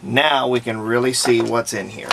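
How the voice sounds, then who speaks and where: A man narrates his hobby restoration at the workbench in a casual, unscripted way, thinking out loud for a repair video. His gravelly, creaky voice is medium in pitch and steady in tone at a normal speed, and background noise is clear.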